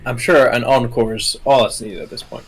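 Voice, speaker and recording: Husky, playful male esports co-caster. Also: mid-range voice, steady tone, fairly quick, low-quality recording. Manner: jokey, playful banter. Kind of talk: casual live esports commentary.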